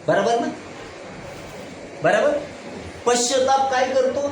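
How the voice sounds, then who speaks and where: A man's voice: very high-pitched, takes it slowly. A pastor leading a Bible study. He asks the congregation questions, answers them himself and keeps asking "right?". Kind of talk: Bible study sermon with call-and-response questions. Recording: echoey room with background noise.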